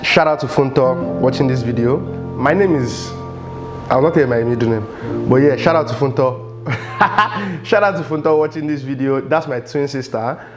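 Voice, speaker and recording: Young Nigerian-accented male vlogger, lively and rambling, clip mic at a home desk. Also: medium pitch, moderate pace, music in the background. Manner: animated, chatty, lots of fillers. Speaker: vlogger host. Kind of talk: casual talking-head storytelling. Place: home studio room. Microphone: lapel mic.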